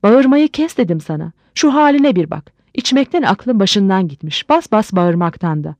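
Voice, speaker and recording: A woman voicing a sharp, exasperated young wife who scolds her drunk husband in a storybook reading. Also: mid-range voice, lively intonation, moderate pace, no room sound, lightly acted. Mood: scolding. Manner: shouting, exasperated.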